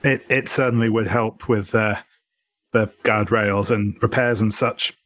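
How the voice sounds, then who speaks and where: A man's voice: lowish voice, fairly even intonation, unhurried, fairly bright tone, dry recording. A man voicing an oblivious, mild-mannered park ranger who talks earnestly with hesitant stammers, in a tabletop role-play.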